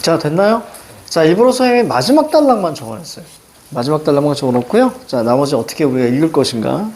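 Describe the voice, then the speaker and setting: A middle-aged man teaching a reading lesson, quizzing students with quick questions and a repeated "now". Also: on the high side, very animated, a little mellow. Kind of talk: recorded lecture explaining a reading passage.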